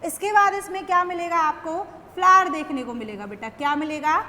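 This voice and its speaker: A young woman with an Indian accent teaches a biology lecture in a high voice. She keeps asking questions and answering them herself, often calling her students "beta". The room has a long reverb with a faint hiss underneath. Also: a little fast, pushed and bright. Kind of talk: classroom lecture.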